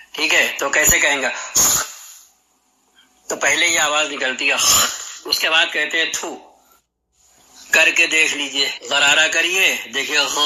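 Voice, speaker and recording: A man gives a patient spoken lesson on pronouncing letters, stopping to demonstrate each throat sound aloud. His voice is strikingly bright and sharp, pitched a little high for a man. It carries a radio-like broadcast sound. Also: slight background noise, rough recording. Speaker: Quran recitation teacher. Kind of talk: explanatory lesson on letter articulation.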